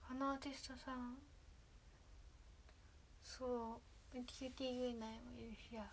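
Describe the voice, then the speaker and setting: A young woman chatting casually on a livestream, rambling and often trailing off into soft asides. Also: on the high side, little pitch movement, moderate pace, a little hiss or hum. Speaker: idol trainee livestreaming.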